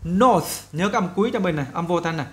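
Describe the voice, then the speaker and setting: Animated and high-voiced with a fairly bright tone, a man leads students through an English listening lesson. He explains each step and demonstrates every English word slowly, repeating it several times.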